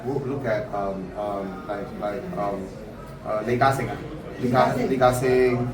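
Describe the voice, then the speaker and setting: Halting man in his thirties, roomy crowd. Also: lowish voice, steady tone, far from the mic. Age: 30s. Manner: halting, many repeated words and restarts. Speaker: guest telling his story. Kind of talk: casual storytelling at a sit-down. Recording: roomy, off-mic, loud crowd chatter.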